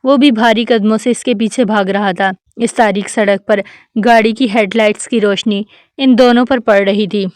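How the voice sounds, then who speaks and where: Smooth-voiced woman reading a novel. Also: medium pitch, fairly even intonation, darkish tone, no room sound, clean studio sound. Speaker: novel reader. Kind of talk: scripted narration of a romance novel.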